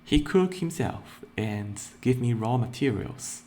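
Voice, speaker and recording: A young man with a mid-range voice presents himself as a virtual streamer and fields questions casually, slightly muffled by background noise. He speaks deliberately and slowly, now and then bursting into playful excitement.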